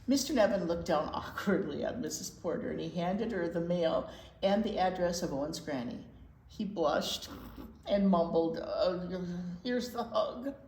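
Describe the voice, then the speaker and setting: A woman hosts a children's storytime, reading a picture book with expression and asking young listeners simple questions. Her lowish, darkish voice moves at a moderate pace in an echoey room with faint background noise.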